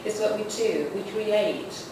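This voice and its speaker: Hosting a poetry reading and slideshow at a literary arts center, a woman who edited the anthology opens the evening in an earnest, somewhat rambling way. She speaks slowly at a medium pitch, and the hall recording is roomy, distant, and noisy.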